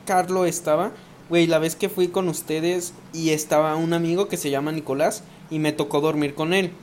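A man's voice: on the high side, normal speed, a little hiss or hum. Young Mexican man telling stories. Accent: Mexican Spanish. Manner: animated storyteller, laughs through his stories. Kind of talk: casual chat among friends.

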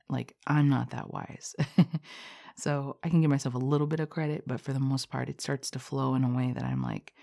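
A woman's voice: extremely low pitch, gravelly, warm tone. A woman hosting a casual spiritual podcast, rambling and self-conscious, with nervous laughs.

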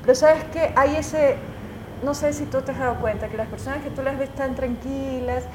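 A woman journalist, telling her own stories as an interview guest in an animated, emotional way, full of restarts. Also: high voice, moderate pace, noisy background. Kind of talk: casual conversational storytelling. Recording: echoey room.

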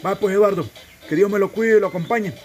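A man playing an old grandfather with a Salvadoran accent, gruffly teasing his grandson and calling him a fool with affection. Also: sits high, fast talker, a little mellow, faint music behind, lightly acted. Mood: gruff tender.

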